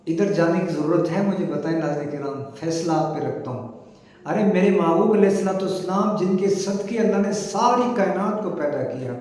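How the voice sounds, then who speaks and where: A man delivers an exhortative devotional sermon, pressing his listeners with rhetorical questions. His voice sits high for a man. The recording rings with a strong echo and a long reverb tail. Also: darkish tone. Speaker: religious preacher. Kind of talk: devotional sermon to video viewers. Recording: echoey room with long reverb.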